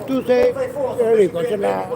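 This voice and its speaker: A man's voice: sits high, a little slow, gravelly, over a noisy crowd. A man in his sixties with an Albanian accent, a non-native speaker chatting on the street in broken, fragmentary sentences. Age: 60s. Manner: broken Italian in short fragments. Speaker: street passerby receiving a charity gift. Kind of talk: casual street chat. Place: outdoor city street. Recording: noisy outdoor city street with traffic.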